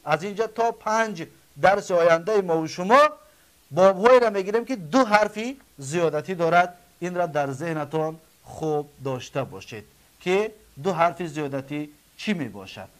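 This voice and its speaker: A man with a Tajik accent gives a grammar lesson in a fairly high voice. He drills each word form slowly and answers the questions he puts to his class. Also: lively intonation. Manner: repeats forms slowly, asks and answers own questions. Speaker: Arabic grammar teacher.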